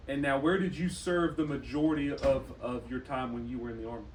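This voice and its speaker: A man interviewing someone, asking gentle, conversational questions. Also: mid-range voice, fairly even intonation, a little fast. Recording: roomy echo, distant mic, faint noise.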